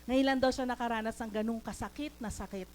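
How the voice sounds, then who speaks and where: Preaching in church, this Filipino-accented woman switches between Tagalog and English and asks the congregation for amens. She talks quickly in a fairly high, steady, somewhat dark voice, captured on poor audio.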